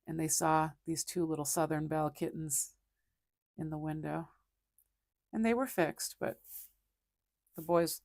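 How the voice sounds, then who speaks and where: A woman hosts an art livestream and chats casually while she draws. She rambles through her stories with lots of ums and restarts, in a lowish, gravelly voice recorded close and dry. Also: dry recording. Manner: rambling storyteller with many fillers and restarts. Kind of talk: casual chat while drawing.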